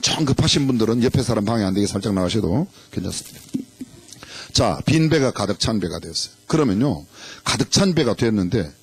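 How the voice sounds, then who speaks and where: In a church sanctuary, a middle-aged man preaching a sermon has fun guiding the congregation through a game. His voice sits on the low side with a breathy edge, lively intonation and a brisk pace.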